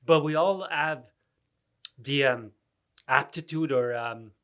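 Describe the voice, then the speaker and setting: A man's voice: fairly high pitch, fairly bright tone. A man who is a podcast guest and music producer, talking earnestly and reflectively in casual chat. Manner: earnest, reflective, slow-paced advice.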